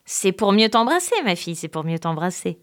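A woman's voice: lowish voice, expressive, brisk, lightly acted. A woman voicing an ugly, wicked man who pretends to be a sick grandmother, speaking in a plaintive, wheedling way. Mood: plaintive, coaxing.

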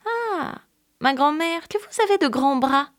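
A woman voicing a timid, obedient little peasant girl in a spoken folk tale, asking questions in a high childlike voice. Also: animated, unhurried. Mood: innocent, questioning.

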